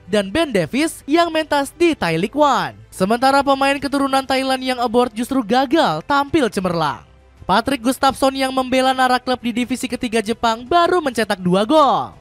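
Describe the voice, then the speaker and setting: A woman voices a scripted football news segment, keeping a steady read-aloud rhythm and letting her pitch drop as each sentence closes.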